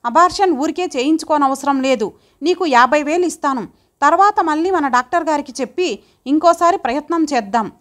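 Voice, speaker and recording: A woman's voice: sits high, lively intonation, fairly quick. Woman reading as a blunt rich husband. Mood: curt. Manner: blunt, commanding. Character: wealthy stern middle-aged husband.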